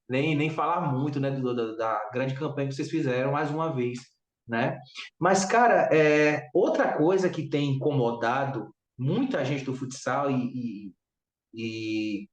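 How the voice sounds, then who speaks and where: Animated Brazilian man, roomy and distant. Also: on the high side. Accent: Brazilian Portuguese. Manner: animated, talkative, many fillers. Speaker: podcast host. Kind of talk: casual podcast interview.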